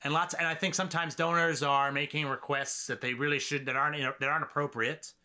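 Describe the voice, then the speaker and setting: A man's voice: on the high side, flat delivery, fast talker, bright, forceful tone. A man hosting a podcast interview in a casual, joking way, often laughing at his own remarks. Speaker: podcast host.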